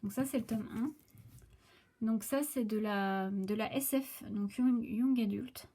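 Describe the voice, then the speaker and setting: On a phone mic, a French booktuber chats casually to camera about new book releases. Her warm, higher voice comes out haltingly, with lots of fillers and restarts.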